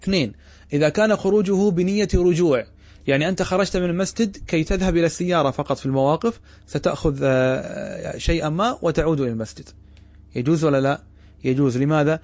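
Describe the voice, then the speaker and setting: A man lecturing a class as a religious teacher at a brisk clip, in a fairly high voice. He tosses questions at his listeners and answers them himself. The sound is dry and close. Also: darkish tone, no echo.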